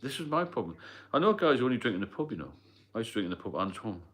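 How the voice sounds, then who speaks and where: A man's voice: medium pitch, sing-song, very fast, fairly bright tone. A man hosting a casual livestream, plain-spoken and rambling, answering viewer comments as he goes. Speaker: livestream host. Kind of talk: casual live-stream chat.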